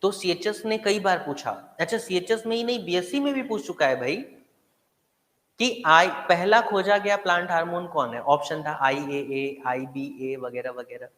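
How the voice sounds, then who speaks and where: A man with an Indian accent teaching a live online class, repeating terms slowly so students can memorize them. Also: sits high, fairly bright tone. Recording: echoey room with long reverb.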